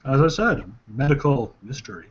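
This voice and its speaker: A man's voice: mid-range voice, animated, moderate pace, breathy edge. A man playing a tabletop game in character, speaking formally with hesitations. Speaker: player. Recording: muffled lo-fi recording.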